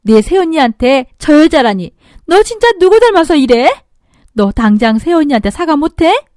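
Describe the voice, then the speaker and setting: Woman putting on a scolding middle-aged mother-in-law, stern, lively, dry recording. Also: high voice, moderate pace, no echo, voice pushed up.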